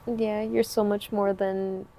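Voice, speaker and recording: A woman's voice: medium pitch, little pitch movement, slow pace, warm tone. A woman hosting a podcast, chatting earnestly and supportively in long, winding sentences. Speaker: podcast host. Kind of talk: casual interview chat.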